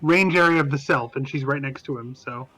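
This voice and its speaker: A man's voice: mid-range voice, fairly quick, a crowd in the background, low-quality recording. Man describing his character's moves. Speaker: player. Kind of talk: playing a tabletop game online. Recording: faint music underneath.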